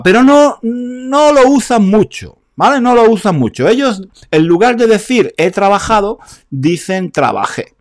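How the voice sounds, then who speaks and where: A man from Spain teaching a live online Spanish class, reading out viewers' comments in a chatty way and repeating phrases. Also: high voice.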